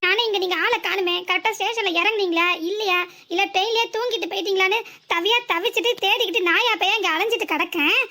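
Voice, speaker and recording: Squeaky high voice actor doing a village wife, southern tamil nadu accent, scolds fast. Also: pushed and bright. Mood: scolding. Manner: scolding, rapid-fire complaints. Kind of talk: cartoon voice acting.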